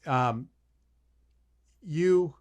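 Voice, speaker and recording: A man's voice: fairly high pitch, extremely slow. An older man hosting a casual real estate interview, friendly and a bit stumbling. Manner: friendly, stumbling over words. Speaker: podcast host, mortgage lender.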